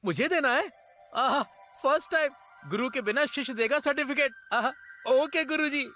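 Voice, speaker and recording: A man's voice: very high voice, moderate pace, sharp tone, soft background music. An actor playing a fussy, bossy man who runs funeral processions, repeating his orders in a Hindi film dub. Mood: eager. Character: fussy bossy male funeral-rites hustler.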